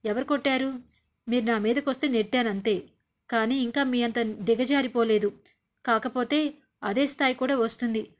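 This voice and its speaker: A woman's voice: fairly high pitch, steady tone, normal speed, lightly acted. A woman voicing a clever young wife who answers back with cutting, indignant retorts. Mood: firm. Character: clever young wife, proud and quick-witted.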